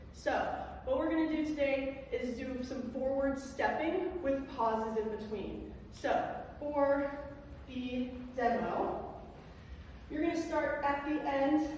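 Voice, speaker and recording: High-voiced woman coaching in an echoey room. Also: a little mellow. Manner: encouraging coaching, calling out counts and directions. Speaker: exercise instructor leading gait training. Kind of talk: instructional exercise class with called-out commands. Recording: echoey reverberant room, distant mic, faint noise.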